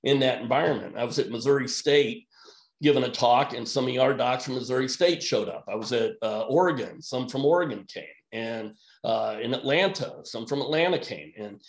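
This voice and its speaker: A man who works as an emergency physician speaks as a podcast guest, blunt and emphatic, at a middle pitch. His voice carries a noticeable room echo. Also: moderate pace. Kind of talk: podcast conversation.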